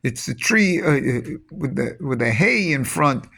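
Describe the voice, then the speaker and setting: A man giving a rambling spoken teaching on mysticism, halting often with restarts and repeated words. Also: mid-range voice, expressive, vocal fry, pushed and bright.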